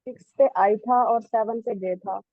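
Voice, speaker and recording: Woman student, choppy breaking-up call audio, dull lo-fi and dry, kinda high voice, hesitant questions. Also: steady tone, unhurried, dry recording. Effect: breaking-up video call audio. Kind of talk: online class discussion. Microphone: online video call.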